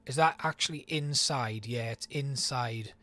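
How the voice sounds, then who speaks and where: A man's voice: medium pitch, unhurried, a bit bright. A man streaming a city-building game, chatting and thinking aloud as he plays. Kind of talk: let's play commentary.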